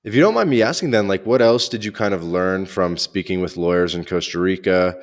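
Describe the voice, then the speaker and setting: A man with a deep voice and brisk delivery hosts a podcast interview, keeping it casual, chatty and enthusiastic. His speech is full of hesitant fillers like "uh" and "like".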